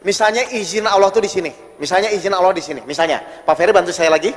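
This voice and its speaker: A man's voice: high-pitched, racing. A man preaching an interactive sermon, questioning the audience and repeating his points. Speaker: Islamic preacher. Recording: long hall reverb.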